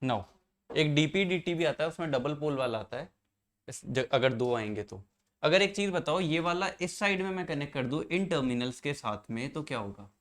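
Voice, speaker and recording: A man's voice: fairly high pitch, expressive, normal speed, fairly bright tone. A man teaching an engineering class, explaining circuits step by step and quizzing his students as he goes. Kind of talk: classroom lecture.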